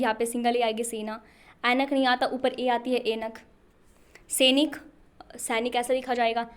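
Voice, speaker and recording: Woman, high voice, young, Hindi teacher, exam-prep spelling lesson, quizzes then answers herself. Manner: repetitive questioning, answers her own questions.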